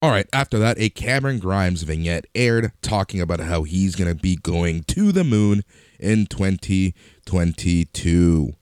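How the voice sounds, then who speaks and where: A man co-hosting a casual wrestling podcast, recapping the show with dry, deadpan jokes. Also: deep voice, a little slow, clear, resonant tone, no echo. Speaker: podcast co-host.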